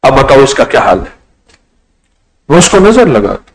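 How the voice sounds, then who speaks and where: A man's voice: medium pitch, big pitch swings, low-quality recording. A man giving a storytelling sermon, acting out the people in his anecdotes as he goes. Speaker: religious speaker.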